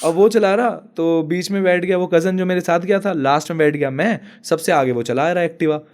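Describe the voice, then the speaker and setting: A man's voice: fairly high pitch, fairly quick, a little mellow. A young man, a podcast guest, telling a funny story in casual chat and laughing often.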